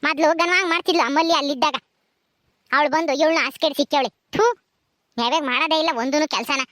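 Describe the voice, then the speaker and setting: A woman's voice: high-pitched, fast talker, dry recording, clean studio sound. A woman playing scolding village matriarch Kalamma. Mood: grumbling. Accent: rural Karnataka Kannada. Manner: scolding, nagging, sharp-tongued. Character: bossy, short-tempered village mistress of a house. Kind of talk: homemade village drama.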